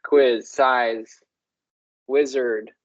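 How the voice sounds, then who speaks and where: Slow, musing language show host. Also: mid-range voice, steady tone, dull audio. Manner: musing, says words aloud slowly to compare their sounds. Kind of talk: slow, exploratory discussion of word sounds.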